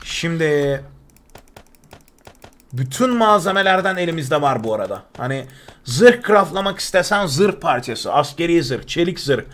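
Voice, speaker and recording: Excitable bright-voiced male game streamer. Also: a little high, normal speed. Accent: Turkish. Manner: excitable, yelps and repeats words when panicking; chats with stream viewers. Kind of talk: live gameplay commentary.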